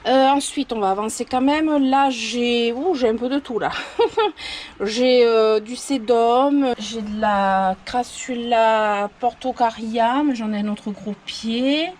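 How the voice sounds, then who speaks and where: A woman hosting a casual plant vlog, strolling past her potted succulents outdoors. Her voice sits a little high, and she rambles and hesitates over plant names. A faint outdoor ambience is heard behind her. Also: slow pace, few pauses, a little mellow, a little hiss or hum. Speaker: plant vlogger. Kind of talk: casual show-and-tell tour.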